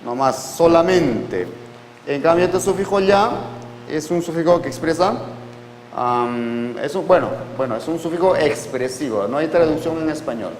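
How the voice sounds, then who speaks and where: A man teaching a language class in a slow, patient way, repeating words and checking that students follow. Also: a little high, animated, in a large hall, slight background noise, rough recording. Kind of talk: classroom lecture.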